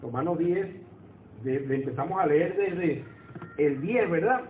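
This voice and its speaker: High-voiced preacher on a tinny, echoey line. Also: male voice, a little slow, slight background noise. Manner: conversational, asks the congregation for agreement. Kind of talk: sermon. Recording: echoey room over a tinny phone-like line.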